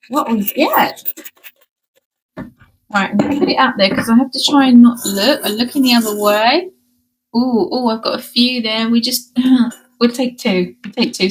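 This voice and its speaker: A woman's voice: fairly high pitch, a little hiss or hum, rough recording. A woman with an Essex accent who drops her T's into glottal stops, giving a casual, rambling intuitive card reading to viewers and often checking in as she goes. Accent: Essex English. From Essex, England. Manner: chatty, rambling, frequent checking "okay?". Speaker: spiritual card reader.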